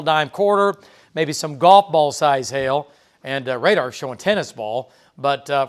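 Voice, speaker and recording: A TV meteorologist, a man, giving live severe weather coverage in a conversational way, talking through the radar with frequent fillers. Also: on the high side. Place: TV weather studio.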